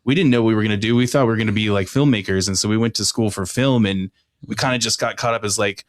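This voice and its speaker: A man in his thirties from Oklahoma, a guest candidate chatting in a podcast studio with quick restarts and fillers. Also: on the low side, no echo. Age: 30s. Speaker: city council candidate, guest. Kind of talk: casual podcast conversation.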